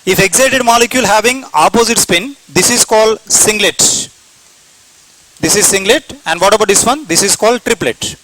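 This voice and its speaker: In this classroom chemistry lecture, a man with an Indian English accent goes over points repeatedly and answers his own questions. He talks at a moderate pace in a high, slightly bright voice, over poor audio with a little hiss or hum.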